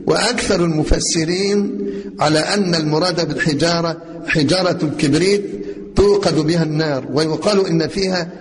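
A man with an Egyptian Arabic accent gives a religious lesson on Quran commentary and quizzes his listeners with rhetorical questions. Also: a little high. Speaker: religious teacher. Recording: long reverb, faint noise.

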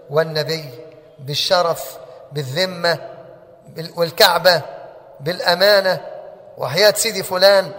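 A man's voice: a little high, a bit bright. A man teaching a religious lesson, who keeps asking his listeners rhetorical questions. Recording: long hall reverb.

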